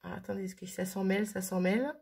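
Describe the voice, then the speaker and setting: A woman's voice: mid-range voice, steady tone, fast, gravelly, a little mellow, breathy edge. A woman casually thinking aloud as she works on a craft project, chatting and muttering to herself at her worktable. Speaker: crafting vlogger.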